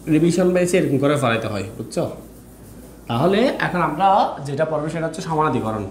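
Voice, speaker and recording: A male grammar teacher giving an online class, drilling students with repeated questions, tired and dry-throated from fasting. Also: on the high side, expressive, reverberant, slight background noise.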